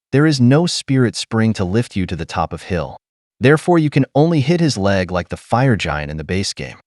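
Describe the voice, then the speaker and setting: A man giving scripted game walkthrough narration, explaining steps in a steady, instructional way. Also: fairly low pitch, a little hiss or hum.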